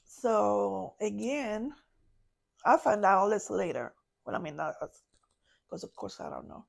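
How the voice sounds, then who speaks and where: Woman guest on a podcast, real gravelly voice, talks slow, stops n restarts a lot. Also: mid-range voice, big pitch swings. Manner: halting, restarts, searching for words. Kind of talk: personal story told in an interview.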